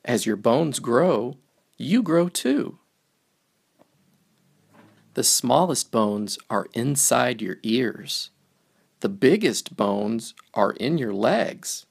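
A man reads a children's picture book extremely slowly, pausing often and taking his time over each phrase. His voice is very creaky and gravelly, and its pitch swings lively through the simple lines.

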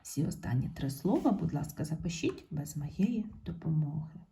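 A woman teacher giving a recorded video lesson to young pupils, dictating words clearly and praising the class as she guides them step by step. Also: low-pitched, animated, dark tone. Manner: slow, clear dictation of words for children to write down. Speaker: primary school teacher.

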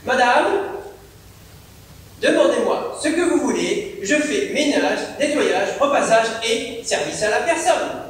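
A man acting out a humanoid robot housekeeper who speaks with stiff, formal politeness. The voice sits very high and moves a lot, and it is caught from the back of a reverberant theater hall. A faint hiss runs underneath. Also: measured pace, far from the mic, full character voice. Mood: eager. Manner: formal, even and literal-minded. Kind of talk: amateur stage acting. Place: theater stage. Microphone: far room mic.

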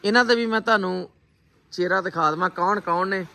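A man's voice: high voice, brisk, gravelly, sharp tone. A man with a Punjabi accent hosting a casual family vlog, teasing and playful. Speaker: vlogger.

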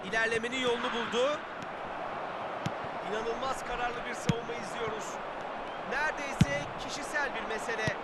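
Over loud background noise, a male football commentator calls the match in a very high, excited voice. He delivers play-by-play with raised energy, calling out players and goals for a football game. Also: moderate pace, long pauses.

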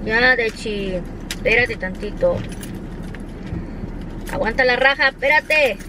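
A woman's voice: a little high, expressive, slow, noisy background. A Mexican woman chatting casually in a vlog, talking to her dogs in squealy baby talk, filmed on a handheld phone in a car and a sunny yard. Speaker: vlogger.

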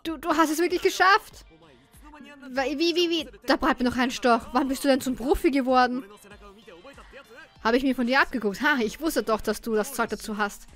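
A woman voicing an excited young hacker friend who teases loudly in a game's dialogue. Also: sits high, normal speed, faint music behind, pitched above the performer's own voice. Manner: loud, teasing.

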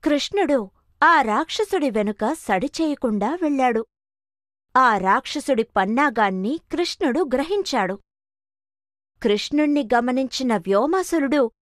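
A woman's voice: high voice, dry recording, studio quality. A woman narrating a children's cartoon story with dramatic expression.

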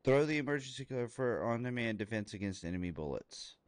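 A man streaming a shooter game live, thinking aloud as he loots, excitable, with his voice jumping up high at times. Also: fast, dry recording. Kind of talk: live gameplay commentary.

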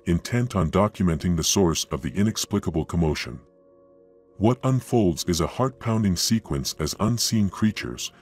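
A man's voice: low-pitched, a little mellow, slightly rough. A man reading dramatic, suspenseful scripted narration in a grave, florid nature documentary manner.

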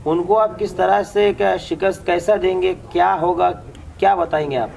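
A local reporter interviewing a candidate, asking questions in a halting way as he searches for words. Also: high voice, fairly even intonation, creaky, a little mellow, a little hiss or hum.

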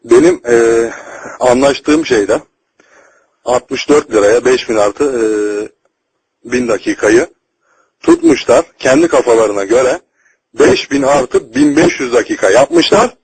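A man's voice: mid-range voice, sing-song, slow, breathy edge. A man making a heated, foul-mouthed, confrontational complaint as a customer over a landline phone. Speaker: customer calling a phone company helpline. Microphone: telephone line. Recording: noisy landline phone call recording.

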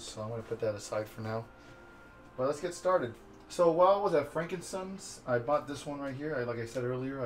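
Raspy, laid-back American man chatting. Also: medium pitch, a little hiss or hum. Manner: laid-back, rambling, jokey. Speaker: host of a card unboxing vlog. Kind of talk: casual chat to camera. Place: small bedroom, indoors.

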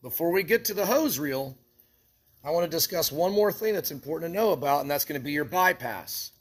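A man with a fairly high voice walks through a build in a hands-on how-to. He explains each step plainly while handling parts in front of a close phone camera. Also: lively intonation, fairly quick. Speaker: equipment shop instructor.

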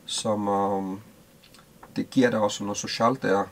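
A middle-aged man from Denmark interviewing casually in a small boat cabin, halting and repeating words. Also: lowish voice, level tone, slight background noise.

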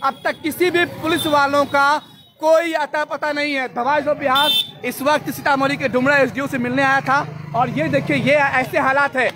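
A man's voice: very high-pitched, flat delivery, moderate pace. A male field reporter, reporting live on a street and urgently confronting people on the spot. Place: busy street outside a court campus. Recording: noisy outdoor street recording with crowd. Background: crowd and traffic.

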